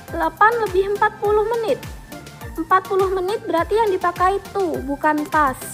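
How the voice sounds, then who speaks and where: A woman with an Indonesian accent teaching a lesson, enunciating slowly and deliberately as she explains step by step. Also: very high voice, fairly bright tone. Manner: instructive, repeating key points step by step. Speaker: English teacher. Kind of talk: scripted lesson explanation for students. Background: music.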